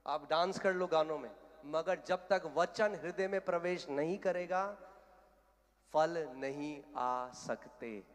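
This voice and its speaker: A blunt, straight-talking pastor from India preaches a sermon with a fairly high voice. His words ring out with a long reverb, as in a large hall. He builds from plain talk to fervent, loud calls. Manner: blunt and direct, rising to fervent shouting.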